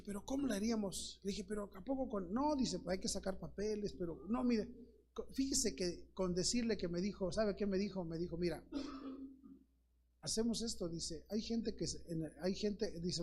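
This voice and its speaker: A man's voice: high voice, husky. A middle-aged man with a Mexican accent, a pastor preaching a Sunday school sermon and acting out the voices in his story, calling his listeners brother. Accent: Mexican Spanish. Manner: acts out dialogue in lively voices, addresses listeners as brother.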